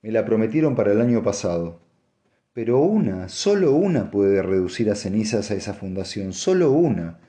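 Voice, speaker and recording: A man's voice: sing-song, moderate pace, mellow. A man reading an audiobook and voicing a haughty, scheming noblewoman with a cold, cutting manner. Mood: heated. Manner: cutting, mocking, rising to shrill insistence.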